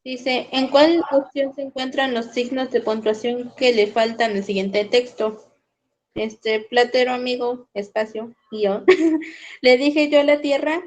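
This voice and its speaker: A woman student reads an exam question aloud in an online class. She goes through the text carefully and haltingly. Her voice sits fairly high. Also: fairly even intonation, darkish tone.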